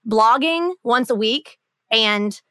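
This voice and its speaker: Woman podcast co-host, casual and chatty, bright high-ish voice, dry close sound. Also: animated, slow, smooth, dry recording. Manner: chatty, heavy use of "like" and "um". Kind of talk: casual chat.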